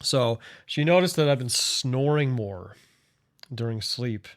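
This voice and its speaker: A man's voice: medium pitch, lively intonation, slow. Laid-back profane man nearing forty. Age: late 30s. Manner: loose, profane, laughing banter. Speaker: podcast co-host. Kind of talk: casual chat.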